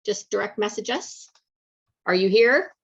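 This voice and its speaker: A woman hosting a live webinar in a chatty, upbeat way, often stopping for fillers. Her mid-range voice has a gravelly, fry-laden texture. The video call audio sounds dull and lo-fi. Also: mid-range voice, a little slow. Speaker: community host running an online event.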